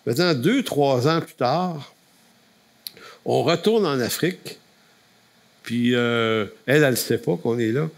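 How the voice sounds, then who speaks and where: A man with a Quebec French accent speaks to a camp, telling a faith story in a folksy way. He restarts phrases often, in a voice of middle pitch. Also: lively intonation, unhurried, gravelly, pauses often. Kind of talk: storytelling testimony.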